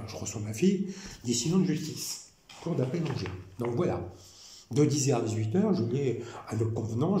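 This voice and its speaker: A man from France talking to camera in a rambling, repetitive and animated way. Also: mid-range voice. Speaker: vlogger. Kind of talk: casual monologue. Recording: echoey room with faint noise.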